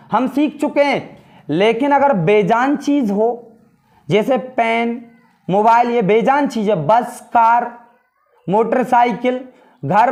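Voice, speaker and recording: A man teaching English grammar in Hindi, explaining step by step and repeating key words, saying the English sentences slowly. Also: very high-pitched, a little mellow. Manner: often addresses students as brother. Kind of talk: classroom grammar lesson in Hindi.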